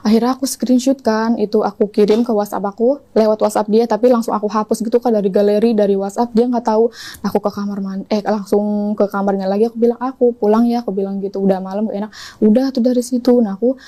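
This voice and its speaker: A woman's voice: medium pitch, fairly even intonation, dark tone. A young woman, retelling a personal story as an interview guest, with lots of quoted dialogue. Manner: rapid, breathless retelling full of quoted dialogue. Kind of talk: confessional storytelling.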